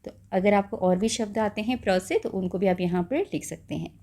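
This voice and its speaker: A woman's voice: mid-range voice, dark tone. Patient woman teaching a class. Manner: patient, checks in with "ठीक है" and "है ना", slows to spell out words. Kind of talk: explaining a school lesson.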